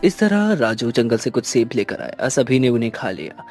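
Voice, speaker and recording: A man narrating a village family story in a steady, matter-of-fact way. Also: mid-range voice, normal speed, soft background music.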